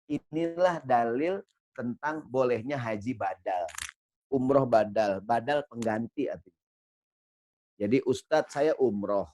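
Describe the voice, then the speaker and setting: A man teaches at an Islamic study session. He tells stories in a lively, joking way and keeps asking his listeners to agree. His voice sits at a middle pitch and the recording is dry and close. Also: measured pace, pauses often, no echo. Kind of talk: religious study lecture.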